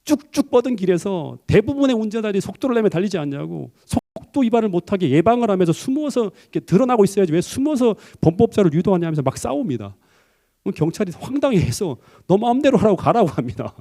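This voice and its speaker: A middle-aged man, a pastor, preaching a sermon and telling a personal story in an animated way that climbs to emphatic high peaks. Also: gravelly.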